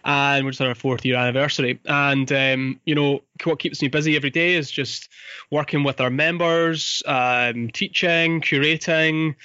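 A man's voice: fairly high pitch, fairly even intonation, normal speed, sharp tone, clean tone, no room sound, lo-fi sound. A man with a Fife Scottish accent, chatting casually as an interview guest. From Fife, Scotland. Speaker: podcast guest, business owner.

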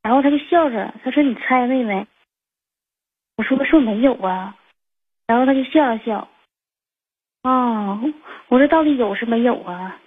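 A woman's voice: fairly high pitch, expressive, normal speed, long pauses, slightly rough. A woman, calling in and telling a personal story in a rambling way, full of fillers and restarts. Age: 20s. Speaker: caller. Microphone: phone. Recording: tinny phone line.

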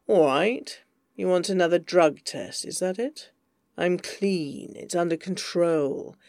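A woman's voice: on the low side, slow pace, gravelly, darkish tone, no echo, studio quality. A woman voicing a sardonic, weary man who grumbles and deflects. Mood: sullen. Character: sardonic weary man swearing under his breath.

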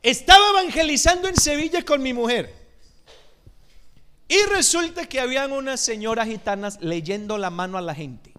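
High-voiced animated man preaching. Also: moderate pace, slight background noise. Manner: animated, acts out voices in anecdotes. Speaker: pastor. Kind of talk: sermon with storytelling. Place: church.

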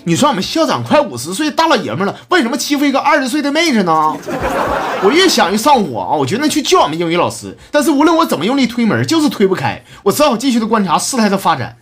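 A man's voice: high-pitched, huge pitch swings, fast, background noise. A man with a Northeastern Chinese accent reading out listener jokes as a host, playful and laughing at his own punchlines. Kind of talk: comedic joke reading. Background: music.

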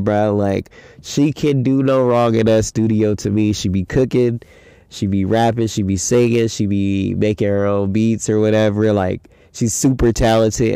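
A young podcast host talks solo in a loose, rambling, slangy style, sounding stuffy-nosed from a head cold. His voice is fairly low and mellow with a clean tone, captured in clean studio sound with no echo.

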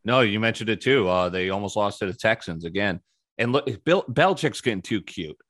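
Breezy low-voiced betting show host. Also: male voice, expressive, fairly quick, fairly bright tone, no room sound, clean studio sound. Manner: breezy, opinionated, frequent ums. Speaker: sports betting podcast host. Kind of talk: casual sports betting talk.

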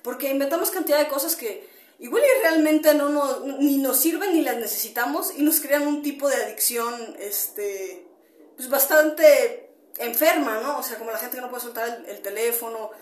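Woman, casual solo podcast, rambling with fillers, somewhat high voice, echoey room. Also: normal speed. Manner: rambling, frequent fillers and tag questions; greets listeners mid-talk. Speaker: podcast host.

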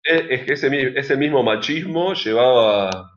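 A man with an Argentine accent, a guest in a casual interview, explaining his views in a reflective, measured way. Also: medium pitch, lively intonation. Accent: Argentine Spanish. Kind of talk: casual conversation. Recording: dull lo-fi sound.

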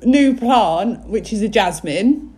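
A woman's voice: mid-range voice, expressive, slow pace, darkish tone. A young woman co-hosting a casual chat with her mother, teasing and dramatic, often laughing. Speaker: podcast co-host, daughter.

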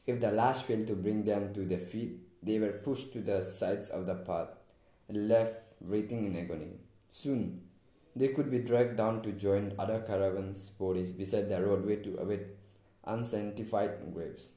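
Dark-voiced man reading a story. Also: on the low side, echoey room, poor audio. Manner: deliberate reading with small stumbles. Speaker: narrator. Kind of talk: first-person story reading.

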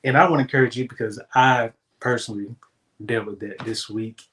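A man's voice: mid-range voice, steady tone, fairly quick, fairly bright tone. A man hosting a casual devotional talk, upbeat and encouraging in a loose conversational way. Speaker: devotional host.

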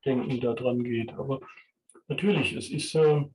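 A man hosting a podcast in a reflective conversation, speaking in a measured, hesitant way with filler sounds. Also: medium pitch, darkish tone. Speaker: podcast host. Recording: roomy, distant mic, faint background noise.

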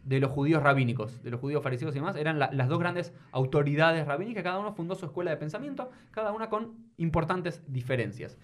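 A man with an Argentine Spanish accent telling a story in casual chat, reading old Hebrew lines slowly and then explaining them. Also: fairly high pitch, expressive. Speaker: host telling a rabbinic story.

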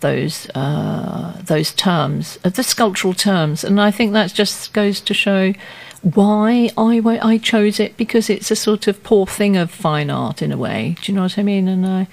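A woman's voice: mid-range voice, a little slow, creaky, few pauses. A woman sculptor answering questions in a radio studio interview, speaking hesitantly with many fillers as she thinks aloud.

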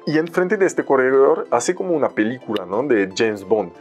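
Young French man speaking accented Spanish-style storytelling, mid-range voice, lively and slangy, faint music under him. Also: mid-range voice, moderate pace, dull audio. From France. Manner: animated, playfully acts out other people's lines in raised voices, uses Mexican slang. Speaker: photographer guest. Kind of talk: storytelling in a podcast conversation.

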